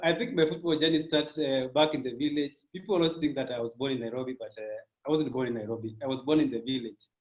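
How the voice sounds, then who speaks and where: A man in his thirties, working in sports business, speaking in a measured, reflective way with frequent fillers during a casual interview. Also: medium pitch, a little mellow. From Kenya. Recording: roomy echo.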